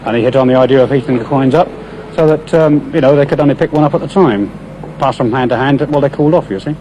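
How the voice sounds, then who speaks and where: Mellow, hesitant older Englishman. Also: medium pitch, fast, low-quality recording. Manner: hesitant, genial asides like "you see". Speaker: local interviewee explaining a town tradition. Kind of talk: informal explanation in an interview. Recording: 1970s location recording with background noise.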